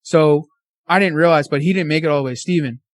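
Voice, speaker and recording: A man guesting on a podcast, excitedly telling a casual story full of fillers and slang. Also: a little high, fast talker, no room sound, studio quality.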